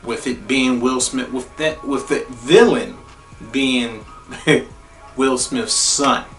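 A young man giving a casual spoiler movie review, profane and blunt, repeating phrases for emphasis and jumping into high exclaims. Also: takes it slowly, far from the mic. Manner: animated, jumps into high exclaims. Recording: roomy echo, a bit off-mic, faint music behind.

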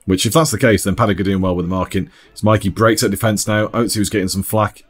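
A lowish-voiced man calls an amateur football match in a relaxed, chatty way. He talks the viewer through each attack and laughs easily along the way. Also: quick pace. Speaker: match commentator. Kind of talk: sports commentary voice-over.

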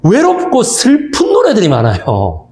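Male history lecturer, thirties, animated storyteller who checks in with the crowd, slightly high voice, roomy hall sound. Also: measured pace. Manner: animated storytelling, asks the audience for agreement. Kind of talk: lecture for seniors. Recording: echoey hall.

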